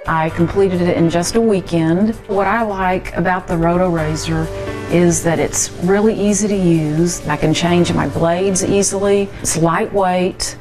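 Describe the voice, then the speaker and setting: Female infomercial customer, slightly low voice, testimonial style, music behind. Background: background music.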